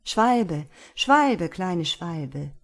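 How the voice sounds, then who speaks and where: A woman's voice: fairly low pitch, big pitch swings, very slow, heavily acted. A woman reading a fairy tale aloud and voicing a selfless, sad statue prince who speaks earnestly and insistently. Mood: pleading. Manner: earnest, insistent, softly commanding.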